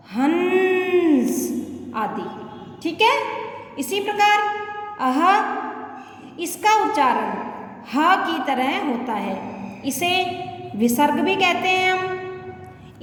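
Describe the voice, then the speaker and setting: A woman teacher with a Rajasthani Hindi accent gives a slow, patient lesson to children. She often repeats points and checks that they follow. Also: sits high. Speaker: primary school Hindi teacher. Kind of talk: classroom lesson explaining Hindi letters to children. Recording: echoey room with long reverb and faint noise.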